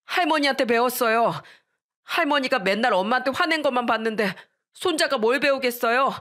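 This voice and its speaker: A woman's voice: sits high, brisk, sharp tone, pitched above the performer's own voice. Woman doing a bold little boy voice. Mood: earnest. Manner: pleading, talking back. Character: young boy, bold and earnest. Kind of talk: storybook reading.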